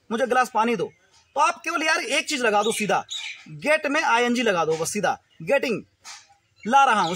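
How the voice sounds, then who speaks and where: A man teaching a spoken English lesson in an energetic, repetitive, coaxing way. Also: very high voice.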